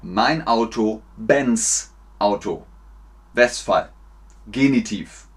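A man teaching German pronunciation and grammar, slowly repeating words and sentences for learners to copy. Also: on the low side. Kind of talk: slow, clear language lesson.

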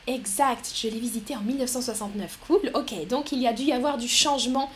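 A woman hosting a live stream, talking slowly and clearly as she reads out viewer comments and answers them with frequent light laughter. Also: on the high side, slight background noise. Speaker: livestream host.

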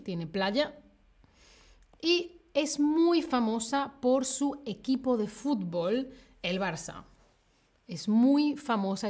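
A woman from the south of Spain with a southern Spanish accent, teaching a live online Spanish lesson, speaking clearly and repeating her clues. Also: fairly high pitch, darkish tone. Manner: slow, clear, repeats clues, laughs often.

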